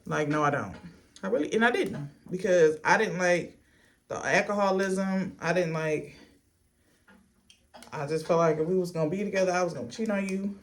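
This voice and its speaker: A woman vlogger chatting casually through a storytime as she gets ready, blunt and sassy, swearing freely in a stop-and-start delivery. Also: on the low side. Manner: unhurried stop-and-start delivery while doing a get-ready-with-me.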